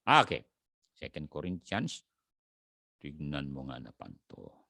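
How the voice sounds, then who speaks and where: Filipino pastor with a gravelly, lively voice. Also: male voice, rumbling low, slow pace, dry recording, clean studio sound. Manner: mixes English scripture reading with Tagalog, greets viewers by name. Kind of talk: sermon.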